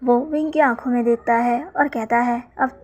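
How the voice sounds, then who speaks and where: A woman narrating a fan fiction story in steady, even storytelling. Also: fairly high pitch, moderate pace.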